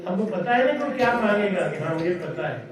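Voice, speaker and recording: A man's voice: high-pitched, a little fast. A man, a mahant, giving a devotional sermon, telling stories and chanting mantras. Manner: storytelling, chants mantras, lively. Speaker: mahant giving a satsang discourse. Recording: echoey hall from far off, crowd behind.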